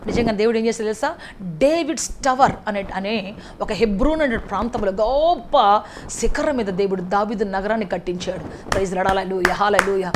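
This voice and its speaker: A woman preaching a sermon with fervor, often breaking into repeated praise and building to loud, impassioned prayer. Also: mid-range voice, a little fast, noisy background. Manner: fervent, repetitive exclamations of praise.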